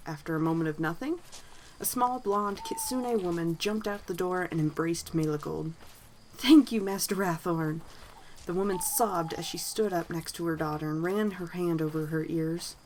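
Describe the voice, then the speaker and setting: A woman narrating a fantasy story in a gentle, even reading. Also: fairly low pitch, slight background noise, rough recording.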